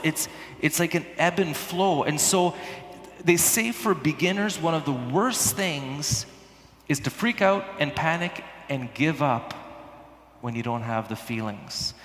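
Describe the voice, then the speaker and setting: A man giving an informal youth sermon as a priest, in an earnest youth-pastor manner, shifting between hushed, drawn-out phrases and emphatic bursts. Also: on the high side. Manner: animated, dramatic delivery swinging from hushed, drawn-out words to emphatic bursts. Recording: echoey hall with long reverb.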